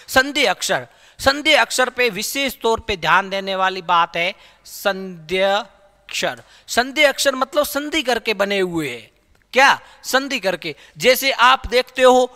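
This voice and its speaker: A man teaching a grammar lesson, repeating key terms as questions and answering them himself, and sounding out letters slowly. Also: very high voice, bright, forceful tone, in a large hall. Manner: demonstrates sounds aloud, drawn out. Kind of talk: classroom-style grammar lesson.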